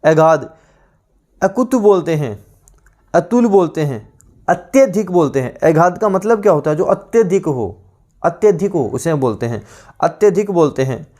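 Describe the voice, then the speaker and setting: A man's voice: on the high side, animated, a little slow, warm tone. A man teaching an online exam-prep class in Hindi with a Rajasthani accent, repeating word lists and stressing reminders to remember them.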